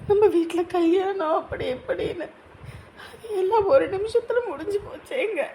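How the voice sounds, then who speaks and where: A tearful, grieving young wife. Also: female voice, very high-pitched, a little hiss or hum. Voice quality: tearful, quavering voice. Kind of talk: TV drama acting.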